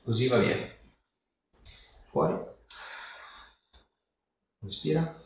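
A man working as a chiropractor talks extremely slowly in a sing-song, mid-range voice while examining a patient by hand. His instructions and questions are brief and reassuring. It was recorded in an indoor treatment room with heavy echo, a distant mic and faint background noise.

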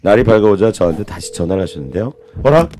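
A man hosting a radio show, reading a listener's funny story in an animated, playful way. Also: lowish voice, quick pace, noisy background. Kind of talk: comic storytelling.

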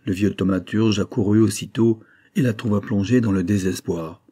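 A man narrating a classic novel as an audiobook in a steady, measured storytelling voice. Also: on the low side, slightly rough, dry recording, studio quality.

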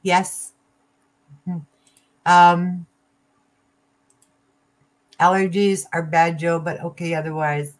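Slow-paced older woman, lowish voice. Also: fairly even intonation, low-quality recording. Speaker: crochet livestream host. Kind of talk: casual chat. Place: small cluttered room at home. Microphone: computer mic on a video call.

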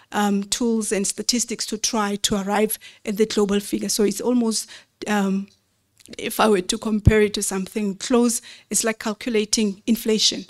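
Her mid-range, darkish voice carries a measured, instructive slide presentation at a convention, punctuated by rhetorical questions.

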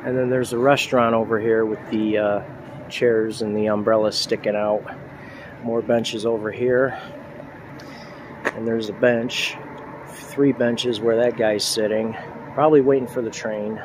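A man's voice: fairly low pitch, level tone, measured pace, noisy background. A man in his thirties casually narrating a walking tour outdoors at a train station, filming with a handheld phone and chatting as he points things out. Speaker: vlogger.

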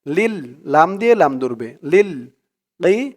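A man teaching Quran reading, who recites verses slowly and melodically and then explains the pronunciation rules quickly and quietly. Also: high voice, very animated.

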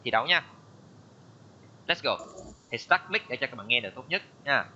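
A man's voice: mid-range voice, expressive, a little fast, bright, forceful tone, lo-fi sound, a little hiss or hum. A man teaching an English class online, reading vocabulary words and explaining them. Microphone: computer mic on a video call.

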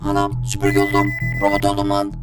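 A man voicing a monstrous male robot vacuum cleaner through a pitched-down voice changer, bewildered and panicky, calling for help. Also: monotone, fairly quick, faint music behind.

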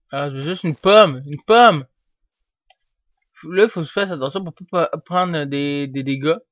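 A young man giving casual, rambling commentary while he plays, getting excited and yelling at the game now and then. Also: fairly high pitch, no room sound. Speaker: gamer. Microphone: desk microphone. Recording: dull, dry home mic.

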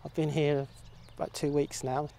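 Brief: middle-aged man, hesitant volunteer, flat, slightly raised voice, recorded in an open field. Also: a little high, normal speed, creaky, slight background noise. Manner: quiet, hesitant, many uhs. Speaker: farm volunteer. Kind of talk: interview answers. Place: outdoor field.

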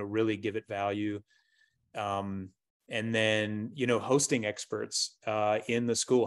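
Low, flat-voiced man listing school ideas. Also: no room sound, studio quality. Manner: rambling, lists ideas with many fillers. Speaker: school leader. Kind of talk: panel discussion on a video call. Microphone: webcam on a video call.

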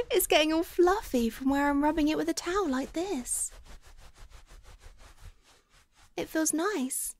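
A woman plays a doting, teasing motherly figure in a soft-spoken ASMR roleplay, coaxing and playful in breathy near-whispers. Her voice is high and unhurried, with a fussing, tender mood.

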